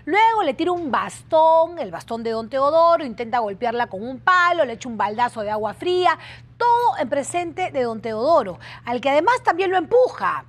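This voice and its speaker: A woman's voice: high voice, very animated, normal speed. A woman hosting a television talk show, speaking emphatically and repeating key phrases for dramatic weight. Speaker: TV show host.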